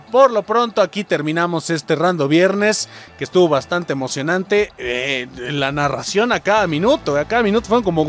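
Brief: Mexican man, high-pitched gaming commentator, excitable and slangy, faint game music under him. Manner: shouts and laughs at goals, casual slang. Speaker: gaming video host.

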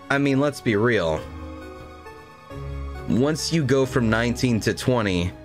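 Young male streamer, lowish voice, casual rambling chat, informal storytelling, game music behind. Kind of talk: casual livestream chat over gameplay.

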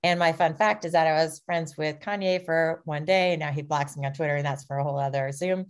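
Low-voiced middle-aged woman, breezy and self-deprecating, talking over a video call. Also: steady tone, brisk. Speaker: venture capitalist, fund founder.

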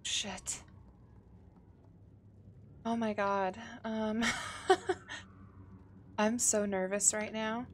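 A woman streamer reacting live to a horror game, swearing and gasping as she goes. She talks at an unhurried pace, with a faint hiss underneath. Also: mid-range voice, flat delivery. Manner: jumpy, profane, exclaims and gasps often. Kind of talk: live gaming stream commentary.

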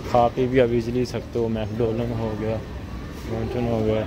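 A man's voice: mid-range voice, monotone, normal speed. Man giving a casual airport walking tour. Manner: casual, conversational, pointing things out. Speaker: travel vlogger. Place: large airport terminal, indoors. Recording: noisy airport terminal background.

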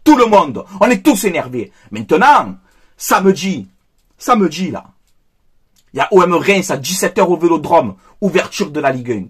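Furious after the match, a fan commentator delivers a heated debrief monologue, emphatic and repeating phrases as he calls his viewers "les gars." His voice is a little high and slightly rough, with big pitch swings at a normal speed.

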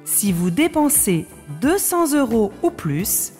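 A woman's voice: a little high, sing-song, slow, warm tone, soft background music. A woman reading a shop advertisement in an upbeat, promotional way. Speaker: advertisement reader.

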